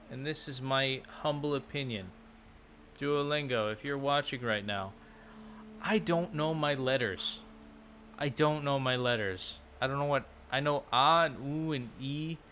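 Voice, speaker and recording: A man's voice: medium pitch, fairly bright tone, slight background noise. A man chatting casually on a livestream as he works through language lessons, thinking aloud with many restarts. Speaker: language-learning vlogger. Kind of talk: casual livestream chat while doing lessons.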